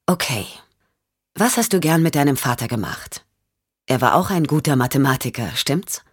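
A woman voicing a calm male investigator who questions gently and patiently, for an audiobook. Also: extremely low pitch, moderate pace, slightly rough, no echo, clean studio sound, exaggerated voice.

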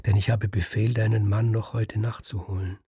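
A man's voice: flat delivery, normal speed, slightly rough, no room sound, studio quality. Death, a man voicing a sad weary figure. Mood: sorrowful. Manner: quiet, sorrowful and low.

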